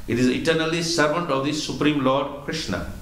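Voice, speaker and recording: A man giving a religious lecture as a spiritual teacher, explaining slowly and patiently, often repeating words as he goes. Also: a little high, a bit bright, roomy sound, a little hiss or hum, rough recording.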